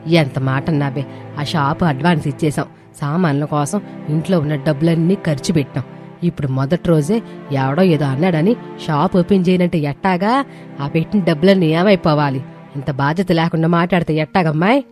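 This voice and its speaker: A woman voicing a quick-tempered rural mother-in-law who scolds in rustic speech. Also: deep voice, darkish tone, faint music behind, close to an everyday voice. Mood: angry.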